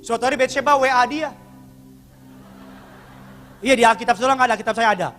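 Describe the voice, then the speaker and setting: High-voiced pastor preaching over music. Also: male voice, quick pace, big-room sound. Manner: animated, acts out dialogue, shouts for emphasis. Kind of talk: lively comic sermon. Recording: live music behind him.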